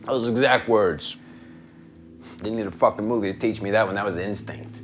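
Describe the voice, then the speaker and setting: A man's voice: fairly low pitch, normal speed, lightly acted. An actor playing a crude, boastful man who tells a swaggering story in a film monologue, with music under the film audio. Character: crude boastful man recounting his teenage conquest.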